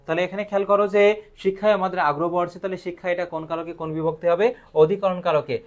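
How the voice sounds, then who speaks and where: A man's voice: sits high, fairly even intonation, rapid-fire. A man teaching a live online grammar lesson, asking questions and answering them himself.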